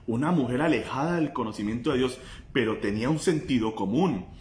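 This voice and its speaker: A male pastor, preaching a sermon with impassioned swings between loud cries and low intensity. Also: animated, fairly quick, roomy sound.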